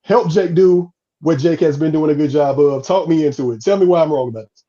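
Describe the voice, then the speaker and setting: Fast-talking guy hosting a sports podcast, darker voice, kinda muffled lo-fi audio. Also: fairly high pitch, mellow. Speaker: podcast host. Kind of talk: casual sports talk.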